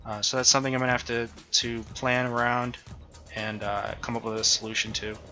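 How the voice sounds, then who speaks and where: Faint, soft music sits behind a man giving a casual devlog walkthrough of the game he developed as an indie creator. He pauses often to think aloud, filling gaps with ums and uhs, in a typical male pitch that sounds very bright and forward.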